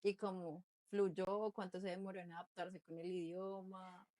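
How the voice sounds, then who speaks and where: A woman's voice: lowish voice, little pitch movement, measured pace, a crowd in the background. A woman from Colombia with a Colombian accent, hosting a casual podcast interview. She asks questions and backs the guest with frequent short replies. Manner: supportive listener, frequent "ujú" and "sí" as backchannels. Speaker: podcast host.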